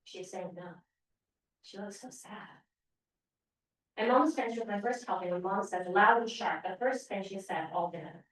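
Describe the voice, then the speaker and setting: A woman author reads from her novel at a podium in a library room, giving the story an expressive first-person telling. The room is very echoey and her voice sits some distance from the microphone. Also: medium pitch, moderate pace, long pauses. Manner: expressive first-person reading, brief hesitations between parts. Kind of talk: reading aloud from her novel. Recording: very echoey room, voice far from mic.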